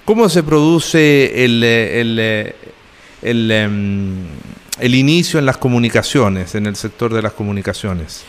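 A man's voice: mid-range voice, a little slow, smooth, in a large hall. A man interviewing a guest, speaking formally in long, carefully built sentences with frequent hesitations. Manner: formal, elaborate phrasing with many hesitations.

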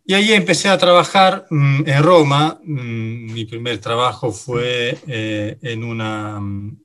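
A middle-aged man from Italy, a native Italian speaker with an Italian accent, answering radio interview questions in a halting way, full of pauses and fillers. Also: mid-range voice, fairly bright tone. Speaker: guest, finance director.

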